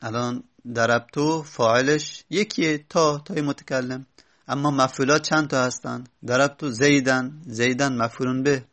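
A man's voice: medium pitch, fairly even intonation, a bit bright. A man teaching a grammar lesson, explaining step by step and stopping to correct himself. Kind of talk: spoken classroom lesson.

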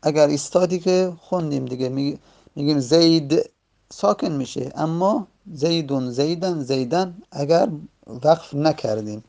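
A man teaching a grammar lesson with a gravelly, slightly raised voice. He goes patiently, saying each word form again and again, and his pace stretches and rushes unevenly. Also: on the high side, dark tone. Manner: patient, repeats word forms several times.

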